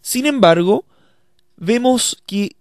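A man's voice: very high voice, lively intonation, slow pace, no echo, studio quality. A man teaching a language lesson, explaining step by step in a patient way and speaking straight to his learners. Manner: addresses learners directly.

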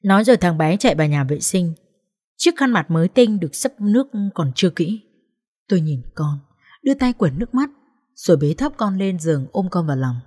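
A woman's voice: fairly low pitch, a little mellow, breathy edge. A woman narrating a sad first-person story in an emotional, tearful way.

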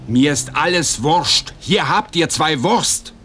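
A man's voice: a little high, expressive, slow, bright, forceful tone, a little hiss or hum, full character voice. A man playing a muddled, flustered baker in a children's show. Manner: flustered, sing-song. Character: muddled sausage baker, easily confused. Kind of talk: children's television acting.

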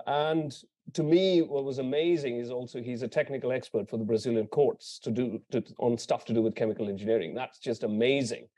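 A man introduces a guest speaker in a seminar room, reading partly from his notes. His voice is mellow and warm, and he stumbles now and then before going back on track. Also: medium pitch. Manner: reads partly from notes, with small slips. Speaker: event host.

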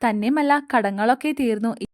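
A chatty, homely young housewife, read by a woman in an audio story. The voice is fairly high and sounds dry and close, with no room around it. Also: fairly quick, a little mellow, dry recording, lightly acted. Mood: cheerful.

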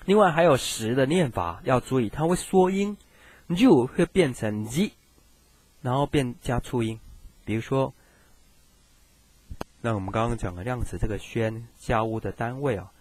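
Man, husky voice, mid pitch, chatty teacher, recorded screen lesson. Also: lively intonation, normal speed, long pauses, darkish tone, no echo. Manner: chatty, reassuring, addresses students directly. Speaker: Japanese grammar teacher.

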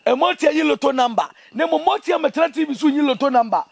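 A young Ghanaian man speaks at a very rapid clip in an impassioned interview. His voice sits extremely high for a man, and his delivery is indignant, emphatic and animated. The sound is close and dry. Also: vocal fry, no room sound. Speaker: interview guest, traditional priest. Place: outdoors among trees.

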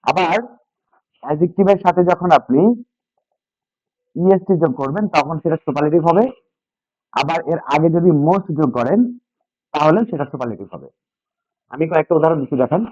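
A man's voice: a little high, moderate pace, pauses often, a little mellow, no echo. A man teaching English grammar to a class, repeating key points and asking students questions. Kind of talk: classroom lesson with call-and-response. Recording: dull, dry lo-fi sound.

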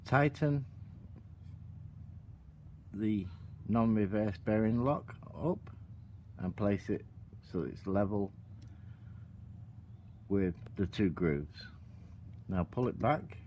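A man giving a calm, step-by-step tutorial while working with his hands at an outdoor table. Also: on the low side, slow pace, long pauses, a little hiss or hum. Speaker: product demonstrator.

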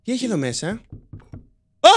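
A young man chats through a scary game with a friend, his voice pitched high and swinging widely as he yelps and laughs at every fright. The sound is dry and close, as on a headset mic. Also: lively intonation, fairly bright tone, no room sound. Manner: jumpy, yelps and laughs when scared. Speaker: gaming co-host. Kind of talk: casual let's-play chat.

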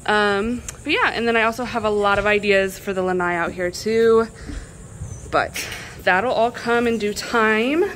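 A woman's voice: mid-range voice, steady tone, a little slow, a bit bright, a little hiss or hum. A young woman vlogger gives a chatty house tour full of fillers. She talks in a mostly empty house, so her voice echoes off the bare rooms. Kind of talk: casual house-tour chat.

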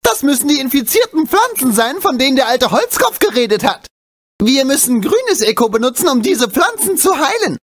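This male video game sidekick, a small wisecracking animal, uses a full character voice pitched high with lively, leaping intonation. He talks at normal speed in an excitable, cheeky, urgent way packed with exclamations. His mood here is chatty and advising.

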